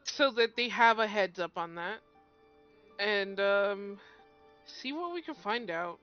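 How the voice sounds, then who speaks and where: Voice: mid-range voice, expressive, takes it slowly, clean tone. A player with a mid-range voice talks through plans, hesitating and restarting. The sound is dull and lo-fi, with faint music behind. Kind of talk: casual tabletop chat.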